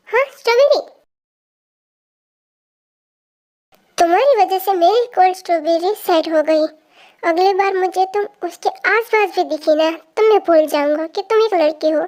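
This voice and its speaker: A woman's voice: extremely high pitch, moderate pace, a little mellow. Woman voicing a teasing possessive college guy. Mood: stern. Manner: teasing and protective. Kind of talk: fan story voice-over.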